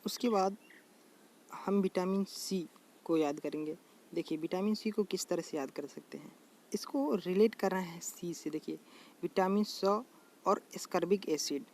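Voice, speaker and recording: A man with a high-pitched, somewhat dark voice explains a general knowledge lesson casually and repetitively. He keeps calling his viewers friends and says terms over slowly. Faint background noise can be heard.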